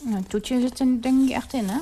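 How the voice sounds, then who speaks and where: A woman hosting a radio interview, asking curious, gently probing questions. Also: high voice, fairly even intonation, moderate pace, slight background noise.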